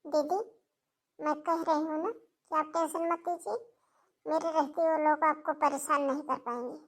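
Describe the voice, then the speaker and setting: A woman's voice: sits high, fairly even intonation, moderate pace. A woman voicing a kind, protective young sister-in-law. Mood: reassuring. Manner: reassuring, firm. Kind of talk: cartoon voice acting.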